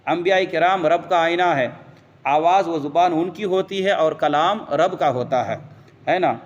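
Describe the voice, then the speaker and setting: A man with a fairly high voice teaches a religious lesson. He explains patiently, quotes Arabic verses and answers his own questions. His voice rings with the long reverb of a hall. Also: muffled recording.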